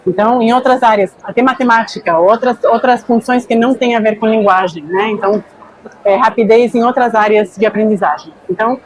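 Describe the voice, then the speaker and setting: Lady scientist on a podcast, kinda high voice, keeps saying né, thoughtful. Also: a little fast, poor audio. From Argentina. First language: Spanish. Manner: thoughtful, often checks in with "né". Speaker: neuroscientist guest. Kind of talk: conversational explanation.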